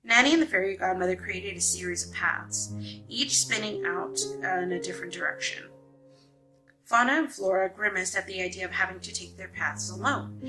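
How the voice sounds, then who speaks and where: A woman reading a novel aloud in a smooth, expressive storytelling voice. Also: medium pitch, rough recording.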